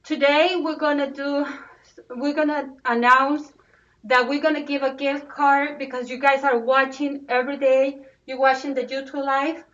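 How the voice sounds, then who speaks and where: A woman's voice: high-pitched, flat delivery, normal speed, a bit bright. A woman hosting a casual school live stream, talking informally and restarting phrases often. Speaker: school show host. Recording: dull and distant.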